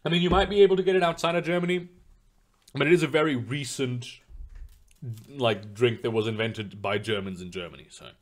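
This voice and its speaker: Speaking fairly quickly in a mid-range voice, a young streamer reads his chat aloud. He chats with viewers in a loose, rambling manner full of fillers and offhand cursing.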